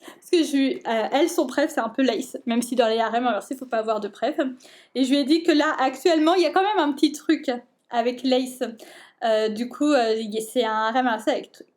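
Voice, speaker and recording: A young woman chatting casually and excitedly as a book vlogger, full of fillers and restarts. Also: sits high, fairly quick. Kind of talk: casual chat.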